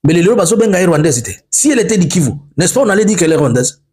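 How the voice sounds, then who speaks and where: A man's voice: high voice, very animated, rapid-fire, a little mellow. Guy preaching politics, fired up, repeats himself a lot, voice jumps all over. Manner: emphatic, repetitive, switches between French and English. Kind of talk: impassioned political monologue.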